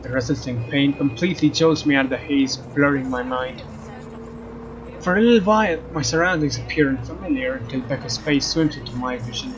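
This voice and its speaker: Doing a let's play, a young man with a mid-range voice reads story text with drama and chats casually about the game, speaking fairly quickly. His slightly dull mic picks up faint game music and background noise.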